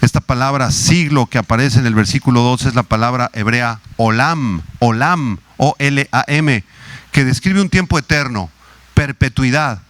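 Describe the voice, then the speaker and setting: A male pastor delivers a teaching sermon in a middle-range voice. He slows down to spell words out and lifts his pitch on key phrases. The sound is dry and close. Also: fairly bright tone, dry recording. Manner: teaching, spells out Hebrew words slowly, rises in pitch on emphasis.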